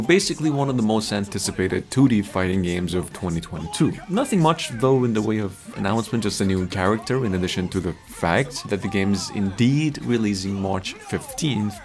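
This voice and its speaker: Low, animated male gaming host. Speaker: video game news host. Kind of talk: semi-scripted gaming news narration. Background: background music.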